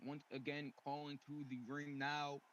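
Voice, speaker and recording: A man announcing like a boxing ring announcer, with ceremonial, drawn-out introductions. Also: a little high, completely flat delivery, fairly bright tone. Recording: muffled lo-fi mic with faint noise.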